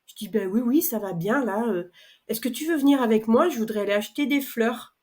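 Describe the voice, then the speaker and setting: A middle-aged French woman telling her own story in a chatty, animated way, acting out conversations with many fillers. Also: fairly high pitch, brisk. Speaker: customer testimonial speaker. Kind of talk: personal testimony, casual storytelling.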